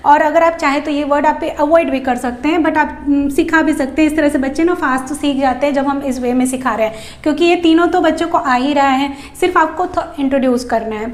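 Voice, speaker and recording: A woman teacher explaining phonics to parents, speaking in Hindi mixed with English and sounding out letters slowly. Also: sits high, echoey room.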